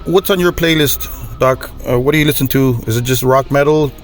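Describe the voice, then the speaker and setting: A male podcast host leads a casual interview. He asks his questions hesitantly, with plenty of fillers, and answers the guest with short reactions. His voice sits at a middle pitch over faint music. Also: fairly quick.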